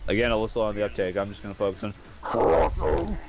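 A man in casual, joking banter with friends while playing a video game. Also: lowish voice. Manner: goofy, joking, quick banter. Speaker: gamer.

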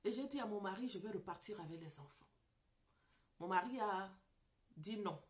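A woman's voice: mid-range voice, lively intonation, normal speed. A woman pastor giving an emphatic sermon testimony, telling a story with acted quotes and at times dropping to a whisper. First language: French-speaking, broken English. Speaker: pastor and marriage counselor.

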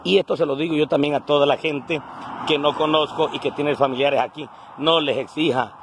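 Filming himself on his phone at arm's length, this forties vlogger from coastal Guerrero talks to camera in a salty, earthy, colloquial Mexican Spanish style. His pitch sits fairly high, his intonation stays fairly even, and he speaks a little fast against a noisy background. The casual monologue begins indoors in a house and continues outside by a roadside.

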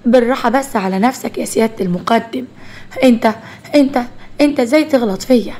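Woman voicing a spiteful young woman, Egyptian accent, husky, quick. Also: fairly high pitch, lightly acted. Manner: sharp, mocking.

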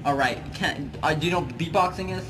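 A man in a prank video, talking slowly and showily as he approaches people. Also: fairly high pitch, background noise. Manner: slow, drawn-out, showy self-introduction. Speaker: street prankster.

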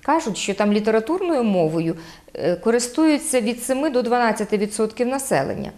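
A woman with a Podillia Ukrainian accent explaining local dialect forms, hesitating with frequent fillers and spelling out sounds slowly. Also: fairly high pitch, expressive, darkish tone.

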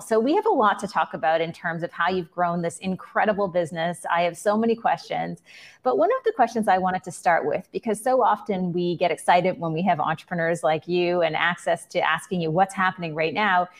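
A woman in her forties moderates a virtual fireside chat and leads with friendly, well-paced questions. Her voice is on the low side, with an occasional filler. She comes through a video call. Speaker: interviewer, moderator.

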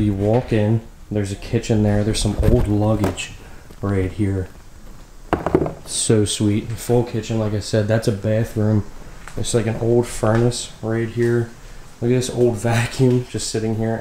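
A young man hosting a casual video walkthrough of an abandoned property, excited and peppering his talk with "like", walking outdoors and through empty rooms. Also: fairly low pitch, a little hiss or hum, rough recording. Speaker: urban explorer host. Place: outdoors on rural land, then inside an empty house.

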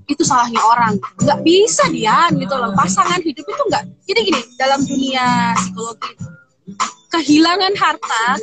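A woman's voice: high-pitched, poor audio. A woman psychology consultant talking casually on a live video stream, giving emphatic and reassuring advice. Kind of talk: casual livestream chat. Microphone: phone on a live video stream.

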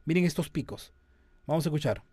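A man's voice: on the high side, a little fast, darkish tone, slight background noise. Man teaching audio compression. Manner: explanatory, asks students if they follow. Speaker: audio production lecturer. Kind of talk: online class demonstration.

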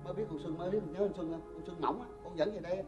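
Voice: mid-range voice, natural voice. A performer playing a cheeky grown son arguing with his mother in a stage comedy sketch, with a Southern Vietnamese accent. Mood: teasing. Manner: teasing, quick back-talk. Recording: muffled old stage recording, faint music.

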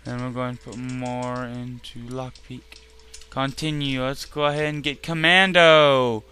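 A man commenting casually on his own game playthrough, swearing loudly at enemies and saying he is tired and irritated. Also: medium pitch, little pitch movement, measured pace, smooth. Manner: profane, loud outbursts at enemies. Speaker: gaming channel host. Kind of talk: casual let's play commentary.

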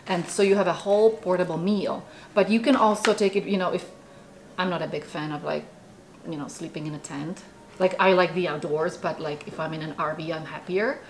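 Czech-accented woman, lower voice. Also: slight background noise. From Czech Republic. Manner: animated, talks with hands, many fillers. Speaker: food company founder. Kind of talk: casual interview chat. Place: small office with bookshelves, indoors.

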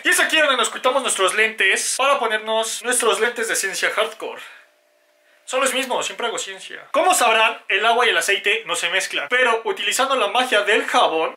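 A man's voice: high-pitched, pushed and bright. A man in his twenties with a Mexican accent hosting a playful, chatty explainer, his mouth swollen after wisdom tooth removal. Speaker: YouTube host. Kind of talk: scripted explainer to camera with casual jokes. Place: small indoor room at home.

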